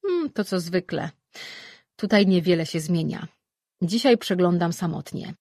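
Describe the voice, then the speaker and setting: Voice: medium pitch, lively intonation, measured pace, a little mellow, no echo, studio quality. Tamun, a spiteful old crone voiced by a reader. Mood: dry teasing.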